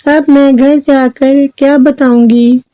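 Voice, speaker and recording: A woman's voice: high voice, fairly even intonation, slow, warm tone, pitched above the performer's own voice. A woman voicing an anxious little girl who pleads and stammers in a children's storybook tale. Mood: worried. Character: anxious little girl, worried about her sister.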